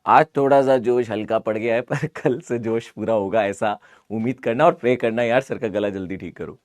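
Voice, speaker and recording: A man with a hoarse, sore voice, chatting casually as a live online physics teacher. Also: lowish voice, moderate pace, a little mellow, dry recording, clean studio sound. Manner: chatty, repeats greetings, mixes English into Hindi. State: hoarse, sore throat from fever. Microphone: close mic, amplified.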